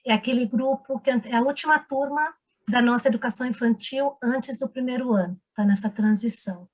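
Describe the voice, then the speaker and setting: A woman's voice: fairly high pitch, a little fast. A woman, a teacher trainer leading an online seminar who encourages the group and keeps asking them questions. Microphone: video call microphone.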